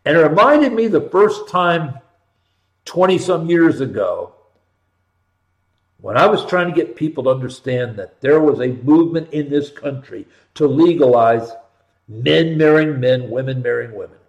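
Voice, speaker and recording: An American man hosting a talk show, delivering an impassioned political rant with emphatic, punchy repetition and swings between loud and hushed. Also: a little high, lively intonation, unhurried. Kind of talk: impassioned political monologue, ranting. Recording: roomy, echoing sound.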